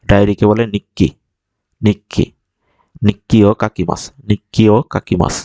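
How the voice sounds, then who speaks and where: A man's voice: fairly low pitch, mellow, no room sound, dull audio. A male language teacher whose first language is Bengali, patiently explaining vocabulary and repeating each word to drill it in. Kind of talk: vocabulary lesson, explaining words.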